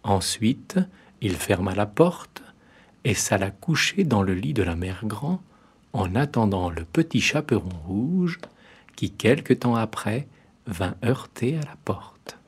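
Guy reading a fairy tale out loud, slow and husky, voice goes up and down a lot. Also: fairly low pitch. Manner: slow, expressive storybook reading. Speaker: storyteller. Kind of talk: fairy tale read aloud.

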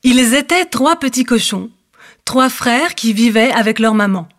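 A woman narrating a children's story clearly, sometimes addressing the listener directly. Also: on the high side, a little slow, fairly bright tone, faint music behind.

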